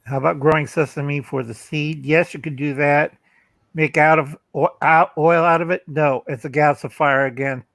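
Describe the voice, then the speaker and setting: A man's voice: on the high side, steady tone, moderate pace, vocal fry, a bit bright, dry recording. A man co-hosting a livestream, blunt and folksy, telling stories over a video call. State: coughing. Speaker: livestream co-host. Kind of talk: casual livestream chat.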